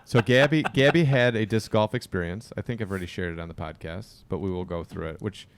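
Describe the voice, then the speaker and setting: Young man, casual podcast host, very low pitch, gravelly, dry teasing humor. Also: fast, dry recording.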